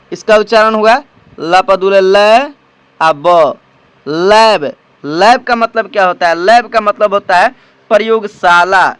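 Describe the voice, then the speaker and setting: A man with a high, clear voice gives a patient spelling and pronunciation lesson. He spells each word out letter by letter, repeats it and asks his viewers questions. He is recorded close on a phone in a dry space. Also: fairly bright tone, no room sound. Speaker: English teacher.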